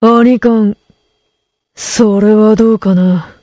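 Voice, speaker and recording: A woman's voice: medium pitch, steady tone, takes it slowly, over music, natural voice. A woman voicing a pompous young man who talks in formal, old-fashioned terms and critiques others coolly. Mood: aloof. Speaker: guest critic.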